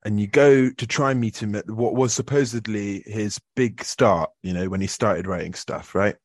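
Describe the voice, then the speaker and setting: A young man chatting on a podcast, often breaking into laughter and filling pauses with ums. His voice sits on the low side and the recording is dry and close. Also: fairly even intonation, no room sound. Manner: laughs often, hesitant with fillers. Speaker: podcast co-host. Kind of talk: casual podcast chat.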